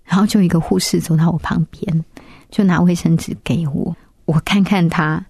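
A woman, recounting a personal story in a soft, reflective way. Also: on the low side, fairly even intonation, moderate pace, vocal fry, husky, dry recording, studio quality. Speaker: interview guest. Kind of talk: personal testimony.

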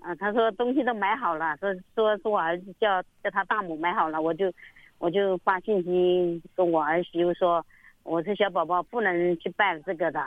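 A woman's voice: lowish voice, normal speed, dry recording. A middle-aged woman calling in to a radio show, telling a long story in a rambling, repetitive way. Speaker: caller. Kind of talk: phone-in call. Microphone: phone. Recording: tinny phone line, dry.

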